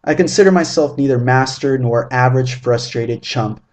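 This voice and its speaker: Man in his twenties, author reading his own story, measured delivery, vivid descriptive prose, medium-pitched voice. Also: darkish tone. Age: 20s. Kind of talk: literary first-person story reading.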